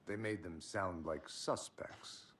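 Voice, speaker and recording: A man's voice: sits low, slow, fairly bright tone. A man playing a terse, dry veteran federal agent in a video game. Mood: dry, businesslike. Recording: roomy, distant, background crowd murmur.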